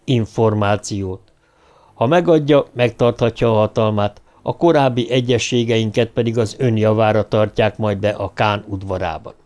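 A man voicing a calm, cold, politely measured male imperial officer while reading an audiobook. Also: fairly low pitch, natural voice. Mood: cool.

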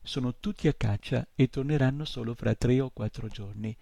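A man's voice: mid-range voice, moderate pace, creaky, warm tone, no room sound. A man voicing a plain-spoken old village woman, in an audiobook reading.

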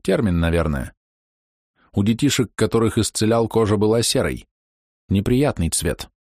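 A low-voiced reader playing an eager doctor who rushes his report, voice only a little raised, in a dry, close storybook reading. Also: expressive, a little mellow, no echo. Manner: hurried, eager.

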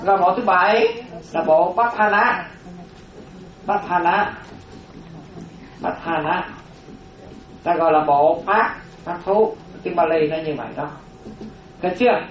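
A Buddhist monastic teaching a dharma class, slowly repeating terms for note-taking, with chatty asides. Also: medium pitch, slight background noise. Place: classroom with a board. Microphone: distant room microphone. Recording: roomy, distant, dull lo-fi room recording.

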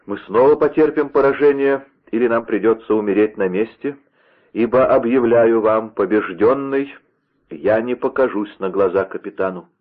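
A man reading an old musketeer in a low, measured voice, over a tinny radio-like line. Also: lightly acted. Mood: grave. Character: commanding veteran male musketeer, grave and calm. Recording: tinny phone-like radio sound.

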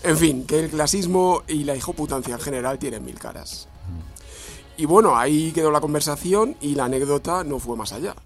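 A man's voice: fairly high pitch, brisk, soft background music. A man with a Madrid accent co-hosting a podcast, talking in a loose, slangy, reflective way. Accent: Madrid Spanish. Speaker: podcast co-host. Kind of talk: casual chat.

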